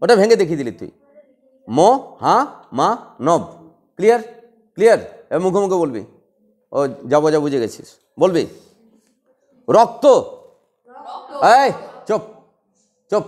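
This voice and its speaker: A man lecturing a class of students, firing short questions and repeating them until they answer. His voice sits high and moves in wide, animated leaps. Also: a little slow, pauses often. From West Bengal. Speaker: teacher.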